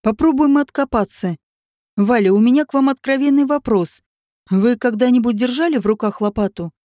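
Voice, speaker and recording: A woman voicing a gruff, irritable man who barks curt orders. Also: a little high, moderate pace, mellow, no room sound, studio quality, close to an everyday voice.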